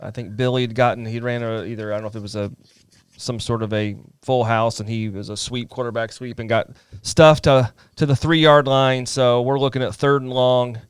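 A man with a clean, resonant voice at a medium pitch chats as a sports podcast co-host. He reminisces casually, rambling and halting as he goes. The sound is dry and close. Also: steady tone, smooth, no room sound.

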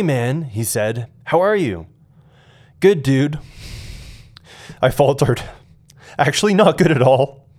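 A man in his thirties reading a personal essay aloud, in a reflective and measured way. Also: mid-range voice, a little mellow. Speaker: podcast host narrating a personal essay. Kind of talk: scripted personal narration.

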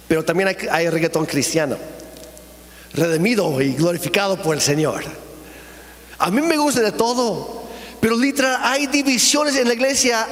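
Emphatic preacher in an echoing hall. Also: male voice, extremely high pitch, a bit bright. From not from here, speaks with an accent. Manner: earnest, emphatic preaching with rhetorical questions. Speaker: pastor. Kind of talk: sermon. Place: church auditorium.

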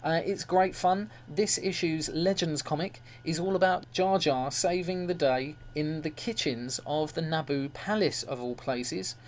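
A man's voice: fairly high pitch, measured pace, few pauses. A man hosting a fan show, giving an informal review and report. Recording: faint hum and noise.

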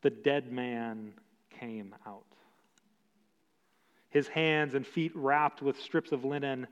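A man preaching a sermon as pastor, slow and emphatic with long pauses. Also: mid-range voice, steady tone. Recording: dull sound with long hall reverb.

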